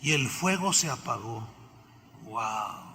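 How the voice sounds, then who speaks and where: A bright, sharp-edged male voice with a Mexican accent, preaching emphatically and swinging widely in pitch. He fires rhetorical questions at his congregation, and his words echo through a large church hall. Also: expressive, normal speed, slight background noise. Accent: Mexican Spanish. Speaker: pastor. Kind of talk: sermon.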